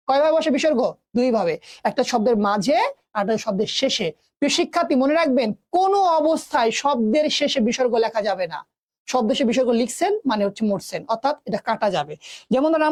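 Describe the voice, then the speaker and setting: A woman's voice: a little high, darkish tone. A woman teaching a grammar lesson online, who asks her students questions and answers them herself, repeating key words for emphasis.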